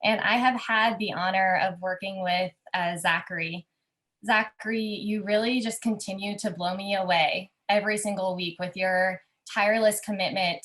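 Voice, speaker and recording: A woman's voice: fairly low pitch, a bit bright. A woman speech-language pathologist giving an earnest tribute speech at a ceremony. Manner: earnest and praising.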